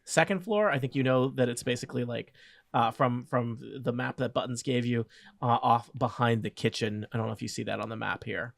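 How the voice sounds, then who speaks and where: A man narrating a tabletop game as game master, improvising haltingly with pauses mid-sentence. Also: mid-range voice, vocal fry, no echo.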